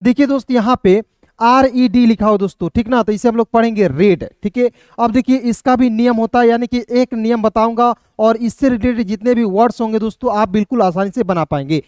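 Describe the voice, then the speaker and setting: High-voiced man teaching spelling. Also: fairly even intonation, a little fast, darkish tone, clear, resonant tone, dry recording. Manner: repetitive, addresses viewers as friends, spells words letter by letter. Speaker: English teacher. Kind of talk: classroom-style lesson for video.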